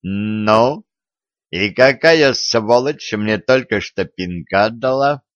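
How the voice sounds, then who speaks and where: A man's voice: lowish voice, expressive, takes it slowly, fairly bright tone, no room sound, muffled recording. A man voicing a smug menacing wolf. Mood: mocking.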